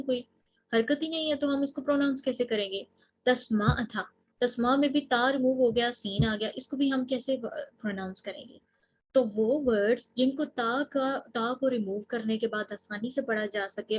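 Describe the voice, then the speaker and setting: A woman's voice: a little high, breathy edge, rough recording. A woman teaching an Arabic grammar lesson, explaining each step patiently and asking her students questions as she goes. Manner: explains step by step, mixing in English terms and asking the class questions. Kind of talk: recorded lecture.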